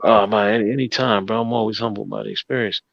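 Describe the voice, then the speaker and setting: A man's voice: lowish voice, fairly even intonation, fast, creaky, a bit bright, no room sound. A man co-hosting a casual live show over a video call, rambling and searching for words. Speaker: co-host. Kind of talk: casual chat. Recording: dull lo-fi call audio.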